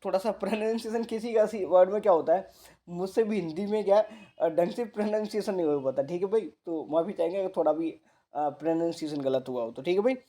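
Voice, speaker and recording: A man's voice: sits high, quick pace, dark tone. A young man teaching a vocabulary lesson, casually repeating words and drilling his students. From India. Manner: casual, addresses students as bhai.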